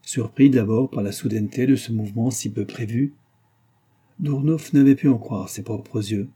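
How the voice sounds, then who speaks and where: Dark-voiced male audiobook narrator. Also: medium pitch, moderate pace, slightly rough.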